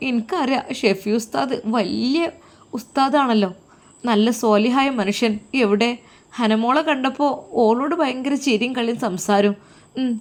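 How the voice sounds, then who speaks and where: A woman voicing a young wife with a Malappuram Malayalam accent, speaking in a high, shaky, sobbing voice. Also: close to an everyday voice. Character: young wife, tearful and pleading.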